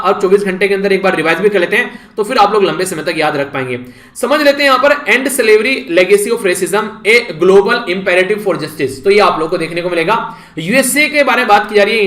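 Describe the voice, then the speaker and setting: A man's voice: sits high, a bit bright, echoey room. A man with an Indian accent teaching current affairs in a casual, chatty lecture and talking straight to his students. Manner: chatty, addresses students directly with "yaar". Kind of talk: casual Hindi lecture recap.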